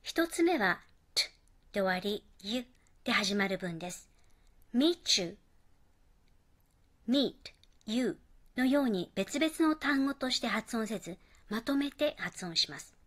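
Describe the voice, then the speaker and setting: A woman narrating a scripted pronunciation lesson, modelling English phrases slowly and carefully. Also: fairly high pitch, lively intonation, fairly bright tone.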